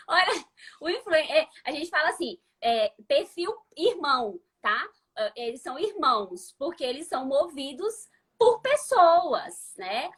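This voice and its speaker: A woman's voice: sits high, sing-song, a little slow, fairly bright tone. A woman hosting a live chat, explaining things directly to her viewers. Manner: explanatory, talks to the audience. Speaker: host.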